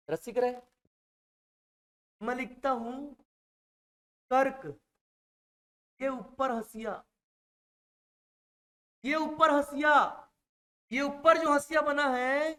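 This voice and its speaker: Slow, repetitive male language teacher. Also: extremely high pitch, fairly bright tone. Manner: repeats each point and keeps checking that students follow. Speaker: Hindi exam-prep teacher. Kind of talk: classroom lecture. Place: classroom.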